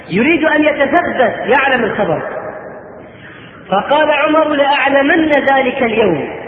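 A man preaching a sermon, retelling a story with short quoted lines and then exhorting his listeners. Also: extremely high pitch. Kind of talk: recorded sermon lecture. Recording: phone-like, echoey hall recording.

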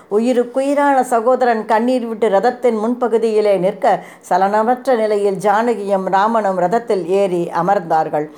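A woman reading a historical novel aloud in a measured, expressive storytelling voice. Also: mid-range voice. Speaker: narrator.

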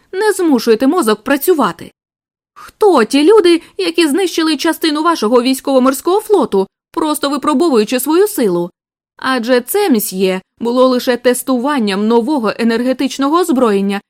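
A woman's voice: sits high, darkish tone. A woman reading the lines of a precise, grave male foreign detective in an audiobook, in a formal, lecturing way.

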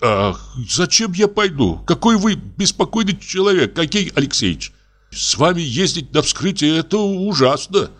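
A man voicing a prim, fussy country doctor who pleads and reproaches in a high, strained voice. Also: sing-song, moderate pace, a bit bright. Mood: pleading.

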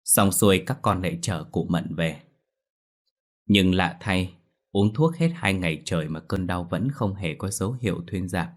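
A man narrating a dramatic story in a steady, measured way. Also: sits low.

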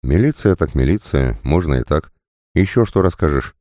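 A man's voice: very deep voice, animated, moderate pace, mellow, dry recording, studio quality. A man voicing a wry young policeman.

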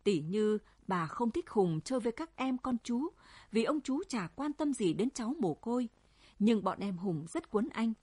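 A woman with a husky voice, narrating a story in an even storytelling manner. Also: on the high side, moderate pace, no echo. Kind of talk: audiobook story reading.

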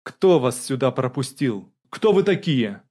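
A man's voice: medium pitch, sing-song, unhurried, mellow. A man voicing a bewildered male general who hesitates in confusion.

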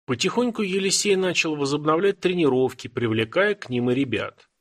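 Husky male audiobook narrator. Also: a little high, fairly quick. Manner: steady storytelling. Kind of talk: scripted narration.

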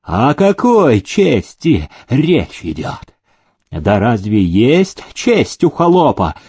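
A man voicing a domineering old factory owner who shouts slow, drawn-out threats. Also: medium pitch, big pitch swings, breathy edge, dry recording, clean studio sound, exaggerated voice.

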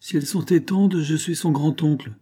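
A man voicing a blunt, ironic old bearded peasant, speaking gruffly and plainly in an audiobook. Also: on the high side, normal speed, warm tone, voice pushed up, lightly acted. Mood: stern.

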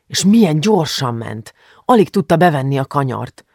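A reader voicing an excitable young boy who exaggerates in an audiobook, telling his story with boastful eagerness. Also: mid-range voice, slightly rough, dry recording, studio quality. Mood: excited.

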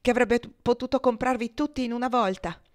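A woman reading as a proud young man in an audiobook, haughty and indignant. He speaks with disdain, louder and higher than the narration. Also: fairly quick, lightly acted.

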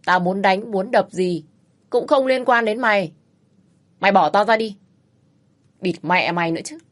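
A woman voicing a violent, cursing young husband who bullies and shouts at his wife in a spoken audio story. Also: low voice, animated, fast talker, breathy edge, dry recording, full character voice. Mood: shouting abuse. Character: violent, foul-mouthed abusive young husband.

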